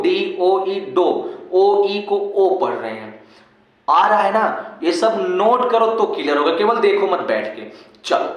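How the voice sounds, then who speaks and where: A man teaching English pronunciation rules in a lesson, repeating each rule slowly and asking often whether the class understands. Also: high-pitched, a bit bright. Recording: very echoey room.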